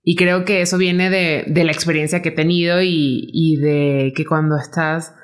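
Low-voiced woman host. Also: moderate pace. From Venezuela. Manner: animated storyteller who acts out quotes. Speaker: podcast host. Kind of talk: casual conversation.

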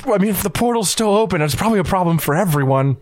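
Higher-voiced man running a tabletop game. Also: lively intonation, fast talker. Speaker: game master. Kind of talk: casual narration of a tabletop game.

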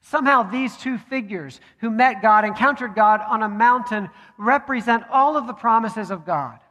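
A man preaching a sermon as pastor, measured, with deliberate pauses. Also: sits high, bright, forceful tone. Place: church sanctuary. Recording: long hall reverb.

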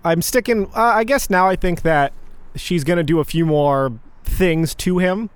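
A man co-hosting a podcast in casual chat, playful and jokey with quick asides. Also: high voice, smooth, no room sound. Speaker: podcast co-host.

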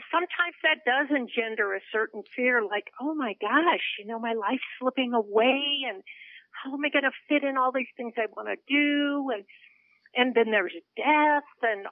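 A woman in her seventies, a guest on a radio interview, speaks earnestly over the phone, with small laughs between her points. Her voice is on the high side, with no echo, and the audio comes through a narrow telephone line.

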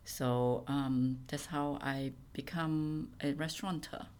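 A middle-aged woman from Singapore with a Singaporean accent, a venue owner chatting as an interview guest in halting, plain phrasing. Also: sits low, steady tone, a little mellow. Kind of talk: casual interview chat.

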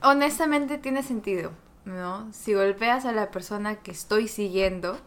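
A woman's voice: mid-range voice, a little slow. A woman reading Bible verses aloud and joking with a friend in a casual study chat. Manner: playful, giggly, reads verses aloud.

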